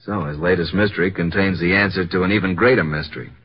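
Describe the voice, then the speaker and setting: An actor playing a brash, earnest detective's assistant in an old radio mystery drama. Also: male voice, sits low, fast, breathy edge. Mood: earnest, probing. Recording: dull old radio recording.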